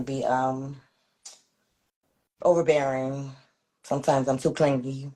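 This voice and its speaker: A woman in her thirties answering a dating show host's questions, halting and hesitant, often pausing on an um. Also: a bass voice, flat delivery, dark tone. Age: 30s. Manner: hesitant, halting, many ums. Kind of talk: casual interview answers.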